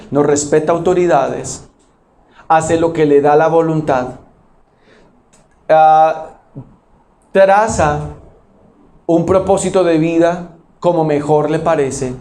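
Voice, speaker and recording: A man's voice: fairly high pitch, warm tone. A man, preaching a sermon as pastor in a church auditorium, emphatic and full of rhetorical questions.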